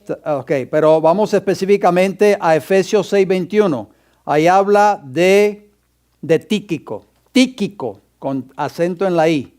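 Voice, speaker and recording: A man's voice: high-pitched, unhurried, darkish tone, clear, resonant tone. A male pastor teaching a Bible class, quizzing his students and dictating scripture references for them to write down. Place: church classroom.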